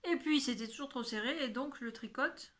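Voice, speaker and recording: A woman's voice: high-pitched, a little fast, a bit bright. A woman hosting a knitting video podcast, chatting casually and often correcting herself while showing her work. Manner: shows knitting and yarn as she talks. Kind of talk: casual chat to camera.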